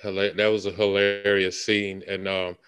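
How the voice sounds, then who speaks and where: A man's voice: low-pitched, level tone, normal speed, fairly bright tone, smooth. A man co-hosting a podcast, speaking casually with frequent hesitations and filler sounds. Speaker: podcast co-host. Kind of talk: casual chat.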